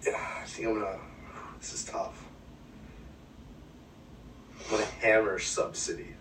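A man's voice: fairly low pitch, flat delivery, unhurried, a bit bright. A man co-hosting a casual podcast chat, brash and playful, ribbing the others. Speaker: podcast co-host. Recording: roomy, distant mic, faint background hum.

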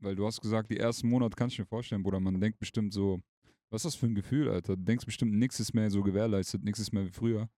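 A man hosts the conversation, asking probing questions in loose, slang-filled speech. He speaks quickly with a low, warm, dark tone. The recording is close and dry. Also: fairly even intonation, no room sound. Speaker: podcast host. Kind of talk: casual interview chat.

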